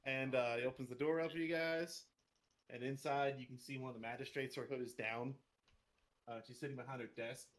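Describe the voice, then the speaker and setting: A man's voice: medium pitch, steady tone, fairly quick. Male game master: chatty, casual, runs the table. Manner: loose and chatty, swears casually, laughs often.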